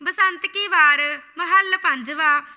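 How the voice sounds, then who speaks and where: A very high, bright woman's voice chants scripture slowly and deliberately, line by line. Her recitation is even and measured, and she repeats phrases after being corrected. The sound rings with a long hall reverb. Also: dull audio.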